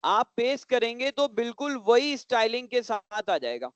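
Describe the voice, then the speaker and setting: A man teaches a computer class to children, pausing often to check that everyone understands and going back over each step. His voice is high, smooth and resonant. The sound is dry and close, with no room echo. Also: big pitch swings, fairly bright tone, dull audio. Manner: repeats points slowly and patiently.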